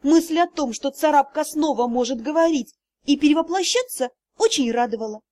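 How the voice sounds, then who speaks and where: A woman narrating a first-person fantasy audiobook with expressive, lively storytelling. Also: high voice, normal speed.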